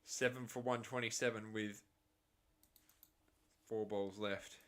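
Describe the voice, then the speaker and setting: Slow-talking man calling live cricket. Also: on the low side. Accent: Australian. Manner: excitable calls, chatty asides. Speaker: live reaction streamer.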